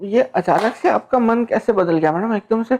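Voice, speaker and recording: A man's voice: sits high, normal speed, creaky, darkish tone. An actor playing a timid, desperate male employee in a sitcom, pleading and stammering. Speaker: office employee. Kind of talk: sitcom acting.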